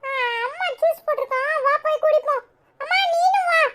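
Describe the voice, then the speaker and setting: A woman voicing a small, curious and whiny boy in a cartoon, with a childish squeaky voice and a Tirunelveli Tamil accent. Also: brisk, fairly bright tone. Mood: playful. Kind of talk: cartoon voice acting.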